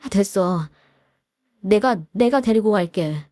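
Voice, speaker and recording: A woman voicing a stunned, furious police officer who gruffly takes charge of his own wife. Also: medium pitch, lively intonation, slow, dark tone, dry recording, clean studio sound, voice pushed down. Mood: angry.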